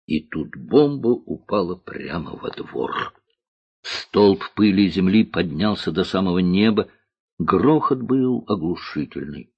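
A man reading a children's story aloud with expressive storytelling, in a dull lo-fi recording. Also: sits low, unhurried, creaky, breathy edge. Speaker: narrator.

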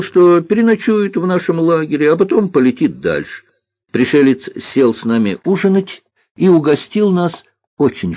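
A man's voice: on the high side, no echo, voice pushed up. A man doing a sad earnest boy pilot. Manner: earnest storytelling, sighing. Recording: dull lo-fi dry recording.

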